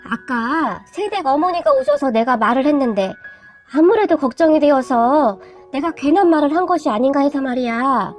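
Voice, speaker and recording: A woman's voice: sits high, animated, moderate pace, soft background music. A woman voicing a kindly, worried male security guard in a read-aloud story. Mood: concerned. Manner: gentle, concerned.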